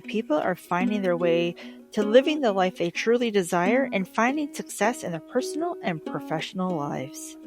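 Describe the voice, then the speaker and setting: A woman podcast host reading a scripted, upbeat show introduction. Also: lowish voice. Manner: upbeat, announcing.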